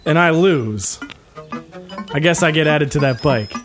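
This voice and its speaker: A man's voice: on the high side, lively intonation, measured pace. A man playing a wry, nervous camp counselor. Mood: challenging. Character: rattled young male camp counselor. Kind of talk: improvised comedy role-play. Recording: music playing underneath.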